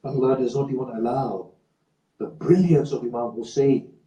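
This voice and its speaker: A man giving a sermon, speaking in a measured, slow and emphatic way and telling a story. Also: mid-range voice, mellow. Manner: measured, slow emphatic delivery with rising passion in quotes. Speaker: religious speaker. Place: community centre hall. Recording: roomy hall from far off.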